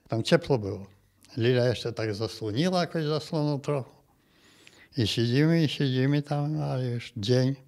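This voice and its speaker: Picture an old man in his eighties who grew up in Volhynia, speaking at an ordinary middle pitch. He tells his story in an interview in a plain, halting way, with short restarts. He often closes his phrases with a small questioning tag. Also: darkish tone. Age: 80s. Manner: plain halting telling, tags phrases with "nie?". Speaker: interviewee, massacre survivor. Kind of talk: recounted personal testimony.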